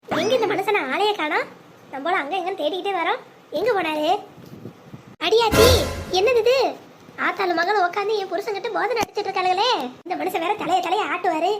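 A scheming middle-aged cartoon woman frets and mutters to herself, as a woman puts her on. The voice sits very high and runs quick, with a fretful, plotting edge. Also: background noise. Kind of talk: animated family drama voicing.

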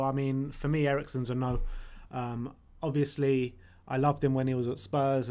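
A young man hosting a football fan show, speaking casually and matter-of-factly into a desk mic in a small studio. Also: on the high side. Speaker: football fan channel host. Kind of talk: casual football chat, leads the segments. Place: small studio with brick wall. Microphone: desk microphone.

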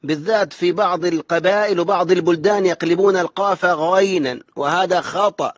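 High-voiced sheikh teaching recitation. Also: male voice, no echo, highs cut off. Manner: corrects common mistakes, then slowly chants the verse. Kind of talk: religious lesson on correct recitation.

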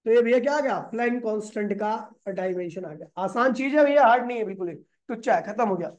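A man's voice: high voice, fast. A man teaching physics in a classroom lecture. He asks the class questions and answers them himself, calling the students brother and kid.

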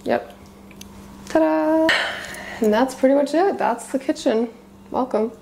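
Against background noise, a young woman in her twenties tours her small apartment indoors, from kitchen to living room. Her high voice is creaky and unhurried, and her casual chat is bubbly and gushing, full of the word cute.

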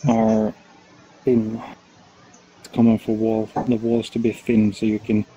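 A man's voice: mid-range voice, gravelly, warm tone. A man from Sweden hosting a casual group chat in a virtual world, hesitant with many fillers and restarts. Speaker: club host. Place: online voice chat. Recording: dull lo-fi stream audio with faint noise.

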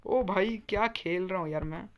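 A young man commentating a video game for his channel, talking very softly and breaking into excited yelps and frustrated groans as he plays. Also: high voice, moderate pace, highs cut off. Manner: speaking very softly on purpose. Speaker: gaming YouTuber.

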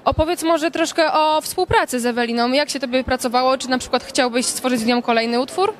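A young woman reporter putting lively, quick questions to a guest at a cinema premiere, holding a handheld mic. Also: sits high. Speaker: entertainment reporter. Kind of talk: red-carpet interview questions. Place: indoor cinema premiere event, crowded lobby. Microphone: handheld branded reporter mic.

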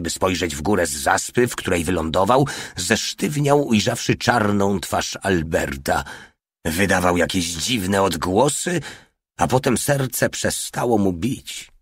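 Male audiobook narrator, low, steady, dry close recording. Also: breathy edge, no echo. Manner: steady dramatic reading. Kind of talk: scripted narration.

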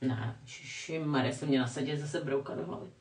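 An older woman with a fairly low voice rambles through a casual live-stream chat, self-mocking and prone to laughing. She sits a little back from the mic in a roomy space with a clear echo. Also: a little mellow, distant mic. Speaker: vlogger reading live chat. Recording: echoey room, voice a bit off-mic.

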